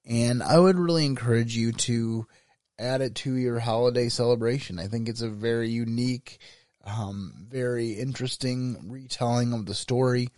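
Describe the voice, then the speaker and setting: A man hosting an informal film review, talking in a measured, deliberate manner. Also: medium pitch, darkish tone, no room sound, clean studio sound. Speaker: host. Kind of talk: informal scripted-feeling review commentary.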